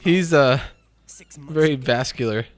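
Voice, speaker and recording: A man's voice: medium pitch, slow pace, faint music behind. A young man co-hosting a casual gaming podcast, laid-back and joking about the game. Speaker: podcast co-host.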